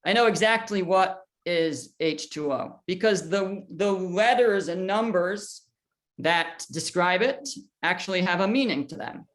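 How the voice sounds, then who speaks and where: A man's voice: high voice, unhurried, a bit bright. Man teaching a class, asking questions. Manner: asks the listeners questions and answers them, with small restarts. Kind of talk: explanatory lecture.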